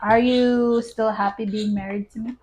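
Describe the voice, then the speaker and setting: Woman, slightly high voice, chatty mukbang co-host, laughs a lot, trails off quietly. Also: steady tone, moderate pace, slight background noise. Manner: chatty, laughs often, voice trails off softly at phrase ends. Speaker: wife and vlog co-host. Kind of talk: casual mukbang chat while eating.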